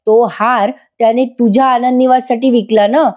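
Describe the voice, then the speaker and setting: A woman's voice: on the high side, fairly even intonation, normal speed, a little mellow, pitched above the performer's own voice, close to an everyday voice. A woman doing a sarcastic bitter aunt. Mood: bitter taunting. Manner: sarcastic, complaining. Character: taunting bitter middle-aged aunt.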